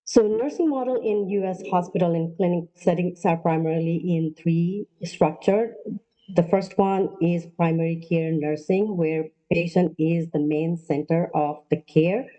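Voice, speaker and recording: A woman from Nepal giving an online lecture as a nurse practitioner, pausing often with ums and uhs. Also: lowish voice, warm tone, rough recording. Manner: halting, many ums and uhs. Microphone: video call.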